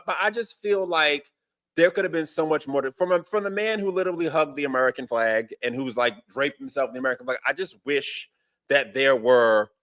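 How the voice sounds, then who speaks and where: A man's voice: medium pitch, a bit bright, no echo, clean studio sound. A man in his forties from Brooklyn, hosting a casual political chat podcast, rambling with lots of fillers. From Brooklyn, New York. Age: 40s. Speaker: podcast host.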